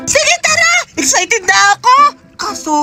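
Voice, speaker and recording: A woman voicing an eager, cheerful young boy in a cartoon, excitable and bossy. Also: very high-pitched, a little slow, full character voice. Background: background music.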